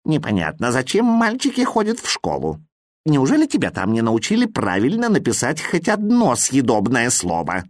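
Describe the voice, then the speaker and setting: Мужчина изображает ворчливого серьёзного кота. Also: male voice, medium pitch, wildly swooping pitch, no echo, clean studio sound. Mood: grumbling. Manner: grave, grumbling, slow. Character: grumpy serious male tomcat, the boy's pet.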